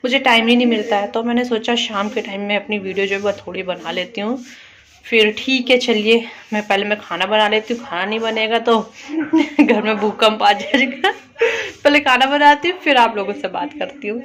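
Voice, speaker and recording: A young woman chatting in a casual home vlog, rambling a little while she cooks and does chores in her kitchen. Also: on the high side. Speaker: vlogger.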